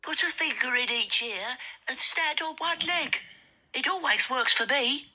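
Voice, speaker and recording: A woman voicing a cheerful, helpful young pig puppet in a storybook puppet show, chirpy and quick with advice. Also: sits high, expressive, pushed and bright, full character voice.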